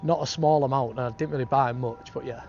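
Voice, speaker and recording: Soft music plays behind a British travel vlogger chatting fast and casually outdoors in city streets and a park. He uses laddish slang, and his medium-pitched voice is steady and darkish. The recording is dull and lo-fi, with street noise.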